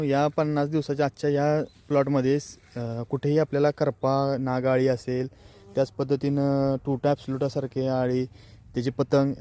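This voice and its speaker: A man's voice: mid-range voice, dark tone. A man hosting a farming vlog, walking through a tomato field and explaining plainly to fellow farmers. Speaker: farming channel host. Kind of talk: casual field walkthrough vlog.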